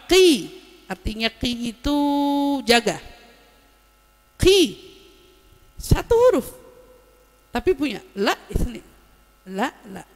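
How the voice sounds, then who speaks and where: A woman giving a lively religious lesson, explaining Arabic terms and telling anecdotes. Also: on the high side, takes it slowly, long pauses, big-room sound. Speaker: Islamic religious teacher.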